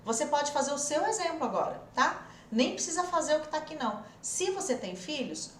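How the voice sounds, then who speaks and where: A woman's voice: sits high, big pitch swings, a little fast, reverberant, a little hiss or hum. A Brazilian woman teaching English in an online lesson, coaxing and explaining step by step. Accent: Brazilian Portuguese.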